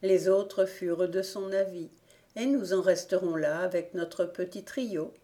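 Woman narrator for a children's audiobook, slow and warm, gentle measured read. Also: lowish voice, steady tone. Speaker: audiobook reader. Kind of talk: storybook narration.

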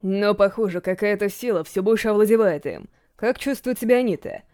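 A woman's voice: medium pitch, a little fast, mellow, no room sound, clean studio sound, lightly acted. A woman voicing a grave, worried old male priest in an audiobook. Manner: grave, urgent.

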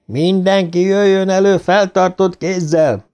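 A man's voice: high voice, steady tone, darkish tone, clear, resonant tone, pitched above the performer's own voice. A man reading a stuttering boy who leads his group of friends. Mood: mock commanding. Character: stuttering boy, gang leader.

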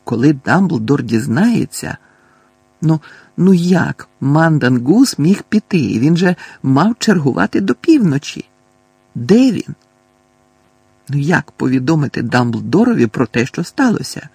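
A man's voice: medium pitch, very animated, fairly quick, creaky, hardly any pauses, a little mellow, slightly rough, no echo, heavily acted. A male audiobook narrator voicing a frantic, cranky old woman who fusses and screeches. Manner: screeching, bossy, fussing.

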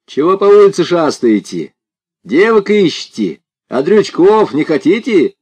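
A rowdy young village lout, shouting and mocking in a raised, pitched-up voice, as a man reading a novel puts him on. He taunts passers-by with swaggering menace. The recording is dry and close. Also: big pitch swings, unhurried, slightly rough, no echo, exaggerated voice. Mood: jeering.

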